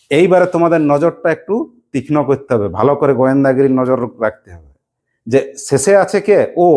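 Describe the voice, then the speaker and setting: A woman teacher runs a classroom grammar lesson in a lowish voice. She keeps the class engaged with constant questions and spells words out one letter at a time. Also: a little mellow. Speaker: English teacher.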